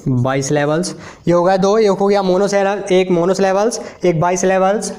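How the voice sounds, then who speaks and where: Man teaching slowly, repeating each word. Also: high voice, level tone, darkish tone, a little hiss or hum. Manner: slow, repetitive, drills words one at a time. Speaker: English teacher. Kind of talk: explaining a lesson while writing on a board.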